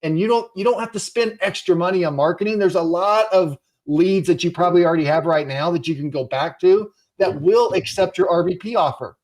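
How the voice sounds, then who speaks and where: Urgent, encouraging man pitching a course. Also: fairly quick, hardly any pauses, a little mellow. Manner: urgent, encouraging, repeats phrases. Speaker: real estate coach.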